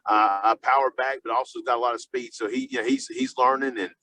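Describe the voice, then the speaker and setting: A man speaking off the cuff as a high school football coach in a sports interview, halting and often restarting his phrases with lots of filler. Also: steady tone, pushed and bright, rough recording.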